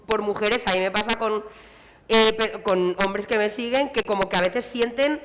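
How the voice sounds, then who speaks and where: A woman's voice: mid-range voice, normal speed, fairly bright tone. A woman, talking animatedly on a convention panel and acting out quotes in a mocking voice. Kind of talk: casual panel talk. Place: convention hall. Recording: reverberant hall, faint noise.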